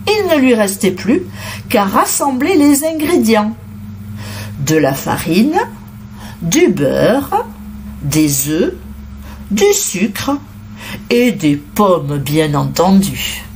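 A woman reading a children's storybook aloud as narrator, expressive and unhurried. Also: mid-range voice, a little hiss or hum. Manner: expressive, unhurried, sing-song.

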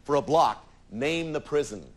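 A man hosting a TV game show, bantering playfully with contestants and reading questions briskly in a studio. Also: on the high side, animated.

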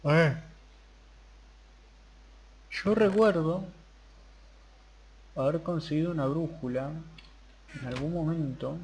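A man's voice: on the high side, takes it slowly, long pauses, darkish tone, slight background noise. A young man hosting a gaming channel, chatting casually through his gameplay and muttering to himself as he plays. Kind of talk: gameplay commentary.

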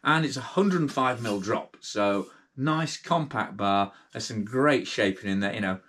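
A middle-aged cycling channel host with a British accent chats his way through a late-night gear review, tired, rambling, and full of fillers and restarts. His mid-range voice is expressive, a bit bright and a little slow, with some hiss or hum, in an indoor workshop with a brick wall and bikes.

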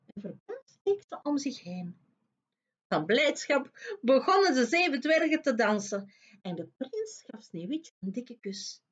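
Slow, lively woman reading a fairy tale. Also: sits high, slightly rough, dull audio. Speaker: storyteller. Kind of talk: fairy-tale read-aloud for children.

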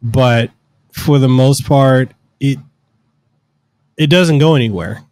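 Using headphones and an arm-mounted studio mic at home, this podcast co-host speaks slowly in a mid-range, slightly mellow voice with no echo. His talk is casual, drifting through long explanations padded with fillers.

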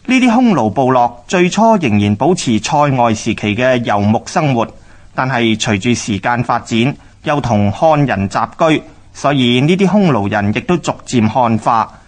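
Speaking Hong Kong Cantonese at a medium pitch, a male narrator reads a scripted historical radio drama. His delivery is measured and explanatory, with lively intonation.

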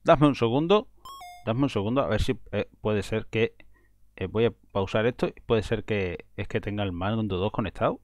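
A man giving casual, excitable commentary while playing a video game, breaking into frustrated outbursts. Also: lowish voice, moderate pace, no echo. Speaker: gaming video host.

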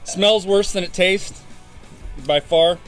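High voiced guy chatting casually at an outdoor food challenge, music playing behind him. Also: steady tone, takes it slowly. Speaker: challenge participant. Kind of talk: casual chat during a group food challenge. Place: outdoor backyard patio among a group.

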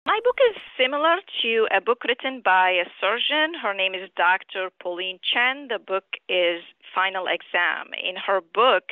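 A middle-aged woman from Syria speaks in a measured, earnest tone as an interview guest. Her voice comes through a tinny, narrow phone line. The sound is dry and close, with no room around it. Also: medium pitch, no room sound. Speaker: author and physician guest. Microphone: telephone.

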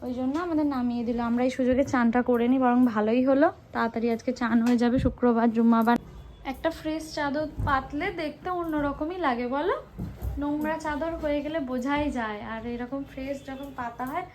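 A young woman vlogs about her family day at home, chatting casually to camera and calling her viewers "guys." Her high, slightly mellow voice moves at a normal speed over soft background music.

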